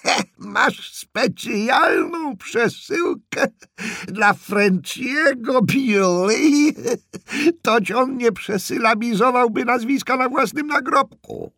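Man doing a shrill, deaf ninety-year-old woman. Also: animated, slow pace, vocal fry, no room sound, clean studio sound, heavily acted. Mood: jeering. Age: 90s. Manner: shouting at the top of her lungs.

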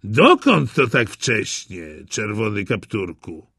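Man voicing cunning wolf, coaxing, husky, very lively pitch, storybook. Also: slow, dry recording, clean studio sound, exaggerated voice. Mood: sly. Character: sly hungry male wolf.

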